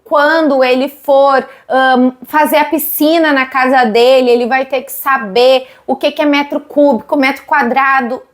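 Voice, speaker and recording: A woman in her thirties with a Brazilian Portuguese accent, explaining literacy teaching and asking her viewers questions. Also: sits high. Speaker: literacy educator.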